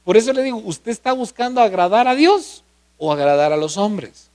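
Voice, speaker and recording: A man's voice: sits high, lively intonation, normal speed, a little mellow. A male pastor preaching a sermon, often asking the congregation questions.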